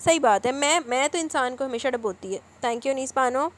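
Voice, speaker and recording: Woman host with a high voice going through her comments one by one. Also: expressive, normal speed. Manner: reads viewer comments aloud and answers each one. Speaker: novel-reading channel host. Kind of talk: casual comment-reading chat.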